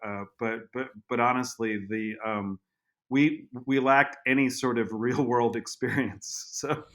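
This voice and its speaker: A man speaking as a guest on a podcast, telling a story in halting speech with many restarts. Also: mid-range voice, fairly even intonation. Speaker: guest, vineyard owner. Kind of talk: casual interview.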